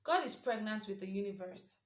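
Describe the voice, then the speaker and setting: A young woman reflects casually on a devotional reading, relaxed and earnest, as though thinking aloud with a friend. She speaks briskly at an ordinary middle pitch, and the roomy space adds a noticeable echo.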